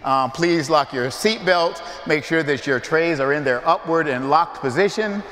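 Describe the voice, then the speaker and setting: A man's voice: fairly high pitch, moderate pace, a bit bright, lightly acted. A man imitating a flight attendant reciting the routine safety announcement. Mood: rote. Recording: long cathedral reverb.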